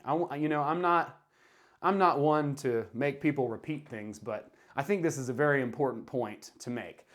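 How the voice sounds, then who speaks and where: A man with a Southern US accent and a drawl, explaining ideas in a casual, conversational video talk, leaning on key points. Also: on the high side. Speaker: self-help video creator.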